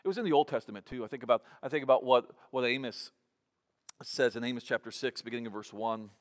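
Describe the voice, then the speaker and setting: A pastor in his fifties, with a medium-pitched voice and a fast delivery, preaches a sermon in a conversational style. He often restarts phrases by repeating words before moving on.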